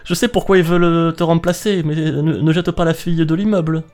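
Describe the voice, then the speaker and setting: A man doing a joking robot voice, a sci-fi machine character, raised well above his normal speaking pitch, in casual podcast banter. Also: fairly even intonation, a little fast, a little mellow, lightly acted. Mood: mock robotic. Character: jokey male sci-fi robot, stiff and high.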